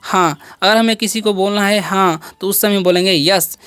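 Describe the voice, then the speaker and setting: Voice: medium pitch, normal speed, a bit bright, clear, resonant tone, no echo. A teacher giving an English vocabulary lesson to children, patiently explaining and drilling each word by asking questions and answering them.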